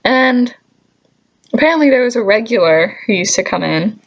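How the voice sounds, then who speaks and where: This chatty anecdote vlog features a young woman with a somewhat high voice speaking at a normal pace, venting with animated exasperation. She adds sarcastic remarks and some mild swearing, and the audio sounds muffled.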